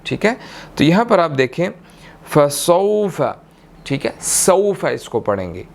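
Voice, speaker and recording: A man with a Pakistani Urdu accent teaching tajweed, chanting verses in long drawn-out tones and then explaining each rule briskly, often checking in with "theek hai". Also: on the high side, sing-song. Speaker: Quran recitation teacher. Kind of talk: tajweed lesson, slow chanted recitation then quick explanation.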